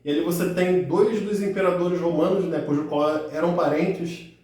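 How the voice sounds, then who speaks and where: A man with a fairly high voice gives a step-by-step religious lesson, often tossing in little checking questions and restarting phrases. He sounds set back from the mic in a strongly echoing room. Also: fairly even intonation, normal speed, a little mellow, recorded from a distance. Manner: explains step by step, with frequent "né" tag questions and restarts. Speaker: religious teacher. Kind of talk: explanatory teaching monologue.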